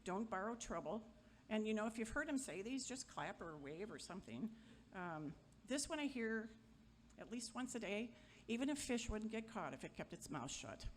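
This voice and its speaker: A middle-aged woman giving an informal memorial eulogy, chatty and wry, joking with the crowd and sometimes halting. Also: mid-range voice, expressive, slight background noise. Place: gathering hall at a memorial.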